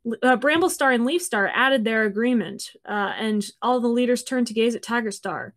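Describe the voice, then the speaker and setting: A woman's voice: a little high, normal speed. A woman hosting a casual chat, reading book passages aloud and joking about them. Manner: reads quotes with small character voices, laughs often. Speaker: host.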